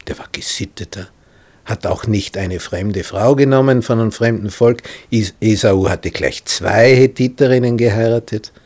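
A male preacher tells a Bible story in a sermon, swinging dramatically between loud speech and hushed whispers. His voice is low and husky, his pitch moves a great deal, and his pace is slow.

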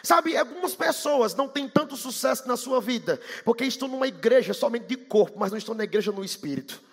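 Fast, high-voiced Bahian preacher in a hall. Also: male voice, expressive, creaky, husky. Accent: Bahian Portuguese. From Bahia, Brazil. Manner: fast, shouting at peaks, sing-song. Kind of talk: sermon. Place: church hall. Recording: long hall reverb.

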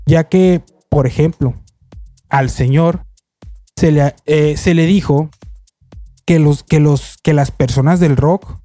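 A man's voice: fairly high pitch, takes it slowly, long pauses, no echo, faint music behind. A man telling a story in casual chat, rambling with restarts and acting out quotes. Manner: rambling, many restarts, quotes people in lively voices.

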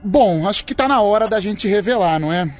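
A man's voice: high voice, animated, brisk, faint music behind. A man hosting a comic radio show, teasing and stalling with playful exasperation.

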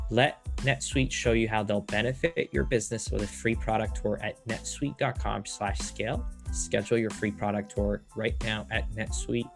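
A man reading a podcast sponsor message in an upbeat, persuasive way. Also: on the low side. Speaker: ad reader. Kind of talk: sponsor read.

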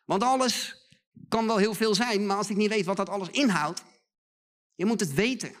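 A man's voice: high-pitched, normal speed, a bit bright. A middle-aged man preaching a sermon in a church hall, emphatic, repeating phrases and acting out the voices he quotes.

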